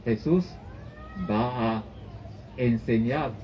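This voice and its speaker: A man preaching a sermon as pastor, in halting phrasing that often restarts and repeats. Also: medium pitch. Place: church service. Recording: dull lo-fi recording with faint noise.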